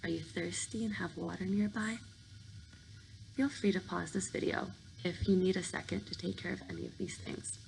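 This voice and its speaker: A woman guides a sleep meditation very slowly in a slightly low, crackly voice that stays steady, breathy and soothing. Her instructions are gentle and informal, and clear background noise can be heard behind her.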